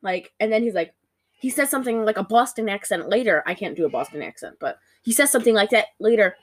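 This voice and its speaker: A woman co-hosting a podcast in casual chat. She reviews a movie in an animated, gossipy way and leans on fillers as she goes. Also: mid-range voice, quick pace. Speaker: podcast co-host.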